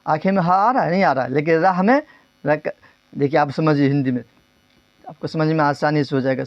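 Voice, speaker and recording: A man's voice: on the high side, no room sound, dull audio. Man drilling a grammar lesson. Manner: drills terms, asks and repeats answers; stretches words slowly, then speeds up. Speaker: teacher.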